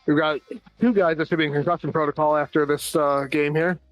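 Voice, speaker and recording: An American man calls an amateur floor hockey game play by play, rattling off passes and shots with the odd dry joke. His voice sits a little high for a man. Faint music plays underneath. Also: fairly even intonation, dull audio. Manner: rapid running call of plays with dry asides. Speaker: play-by-play commentator. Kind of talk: amateur live sports commentary.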